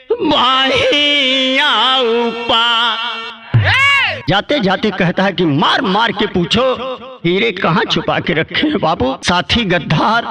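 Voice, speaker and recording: A man with a Bhojpuri accent, a birha folk singer telling a story in a dramatic, declamatory style, crying out at emotional peaks. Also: high-pitched. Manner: emotional, declamatory, cries out with rising exclamations. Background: folk band music.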